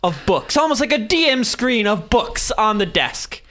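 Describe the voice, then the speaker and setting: A man's voice: sits high, big pitch swings, normal speed, fairly bright tone. A man running a tabletop game as game master, improvising the narration.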